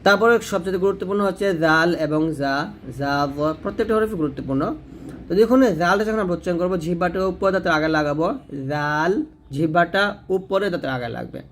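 A man's voice: high voice, a bit bright, a little hiss or hum. A man teaching pronunciation step by step, stretching out each sound as he demonstrates it. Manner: slow drawn-out demonstration of sounds.

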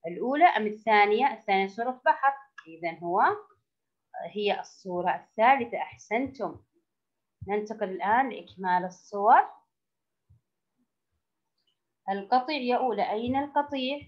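A woman teaching a first-grade language lesson, asking the children questions, praising their answers and drawing out key words slowly. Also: mid-range voice, lively intonation. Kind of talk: recorded classroom lesson for young children. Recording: dull lo-fi recording.

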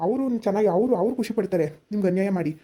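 A woman voicing a young son-in-law who calmly talks his mother-in-law round in a village family drama. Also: mid-range voice, very fast, lightly acted. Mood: persuading. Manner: persuasive, repeated appeals. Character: reasonable young son-in-law, calm persuader.

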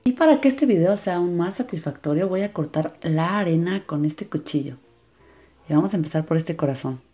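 A woman's voice: fairly low pitch, lively intonation, fairly quick, warm tone, soft background music. A woman hosting a casual hands-on demonstration aimed at children. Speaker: host of a children's toy and slime channel.

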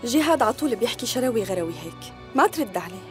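A young woman from a dubbed TV drama, with a Syrian Arabic accent. She rattles her lines off at great speed, slightly high and reassuring. Soft music plays underneath. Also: big pitch swings, fast talker. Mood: calm. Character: young woman heading to a wedding party.

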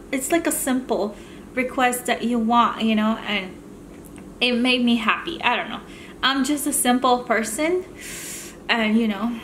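A woman's voice: a little high, fairly bright tone, a little hiss or hum. A woman hosting a mukbang video, chatting casually and rambling between bites of food. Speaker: mukbang channel host. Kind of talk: casual chat while eating on camera.

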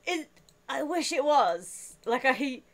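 A woman's voice: high-pitched, lively intonation, slow. Teasing chatty woman streamer. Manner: teasing, chatty, laughs often. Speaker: streamer host. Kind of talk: casual stream chat.

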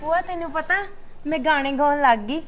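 An actress playing a gentle young daughter in a Punjabi village drama, soothing and coaxing with a Punjabi accent. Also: female voice, sits high, normal speed, natural voice.

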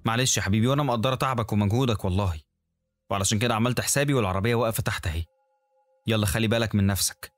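A man voicing a gentle, caring young wife with an Egyptian Arabic accent, lifting his voice higher and speaking softly. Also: racing, no echo, close to an everyday voice. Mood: tender. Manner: soft, affectionate, raised pitch.

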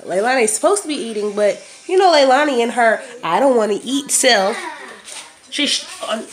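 A woman's voice: medium pitch, a bit bright, slight background noise. A young woman chatting casually at home, rambling through her plans with lots of ums, speaking into a phone held at arm's length. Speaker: vlogger. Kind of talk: casual chat. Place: home kitchen.

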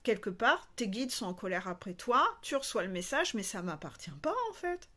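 A woman's voice: medium pitch, big pitch swings, moderate pace, bright, forceful tone. A woman spiritual coach talking frankly and animatedly to her viewers, acting out little scenes along the way. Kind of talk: casual monologue to viewers.

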